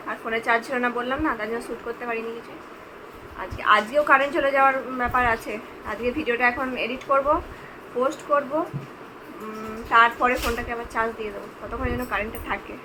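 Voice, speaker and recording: A woman's voice: a little high, noisy background. A woman chatting to her viewers as friends in a casual home vlog, filmed at home. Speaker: vlogger.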